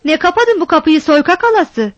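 A woman voicing a stern, rough older village woman who scolds sharply, in a dull, dry recording. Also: very high voice, lively intonation, brisk, no echo, pitched above the performer's own voice. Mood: scolding.

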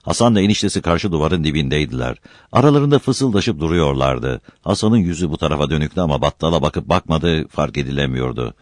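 A deep-voiced man reads a novel aloud with a measured, storytelling delivery. His pitch moves lively across the phrases, and the recording is dry and close to the mic. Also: no echo. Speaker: audiobook narrator.

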